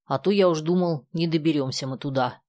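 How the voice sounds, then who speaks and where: A woman reads a self-assured teenage boy in an audiobook, argumentative and sure of himself. Her voice stays low and close to her own, with a dry, close sound. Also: a little fast, a little mellow, dry recording, lightly acted. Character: confident, opinionated teenage boy.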